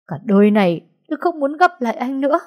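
A woman's voice: fairly low pitch, normal speed, dark tone, breathy edge. A woman voicing a grief-stricken young mother in an audiobook, crying out and pleading. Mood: frantic. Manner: screaming, sobbing pleas. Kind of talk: audiobook dialogue.

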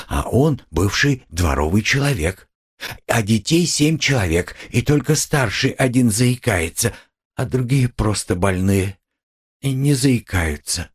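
A man's voice: medium pitch, husky, voice pushed up. Man voicing a timid pleading young woman. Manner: trembling, tearful, eager to defend.

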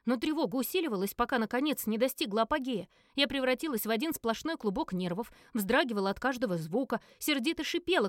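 A woman narrating a first-person audiobook in a lively acted reading, briefly giving each character a voice. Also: on the high side, dry recording, clean studio sound.

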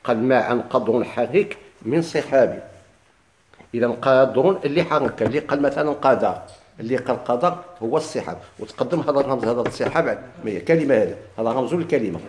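A man with a Moroccan Arabic accent explains a classical text, asking his listeners questions and answering them himself. He slows right down to chant each quoted verse. His voice sits in a middle range, and the room around him echoes. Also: medium pitch, lively intonation, slight background noise. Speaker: teacher of Quran recitation.

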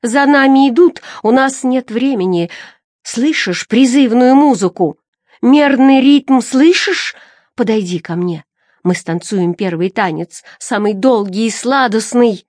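A woman voicing a crazed, shaggy-haired female prisoner, slightly hoarse, breaking into shrill, excited outbursts in a storybook reading. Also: a little slow, no room sound, studio quality, natural voice. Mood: frenzied.

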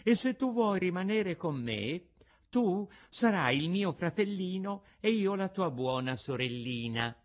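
Gentle fairy woman, read by a man, soft and calm, storybook reading, lilting delivery. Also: high voice, a little slow, voice pushed up. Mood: tender.

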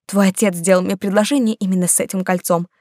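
A woman voicing an emotional, excitable older noblewoman in an audiobook. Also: medium pitch, quick pace, no echo, studio quality, lightly acted. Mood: excited. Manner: excited, sentimental.

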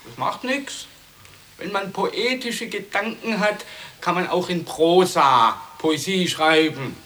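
An actor playing an earnest, proud professor in an absurd comic drama, polite, hesitant and pedantic. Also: male voice, high voice, slow pace, pushed and bright, exaggerated voice.

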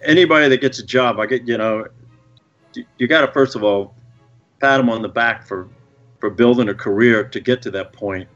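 A man telling stories as a guest in a podcast interview, animated and quick to swear. His voice sits at an ordinary pitch. The recording sounds dull and lo-fi. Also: soft background music. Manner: animated storytelling, swears freely. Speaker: film director guest.

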